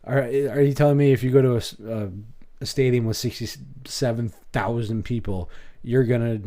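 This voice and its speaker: A man's voice: mid-range voice, steady tone, moderate pace, warm tone. A man with a Maine accent giving blunt, rambling reaction commentary as host of his channel.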